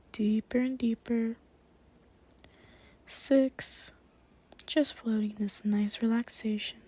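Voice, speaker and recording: Woman, hypnosis induction, slow soothing countdown, hushed near-whisper, higher-pitched, soft breathy tone. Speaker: hypnotist performing for a live online audience.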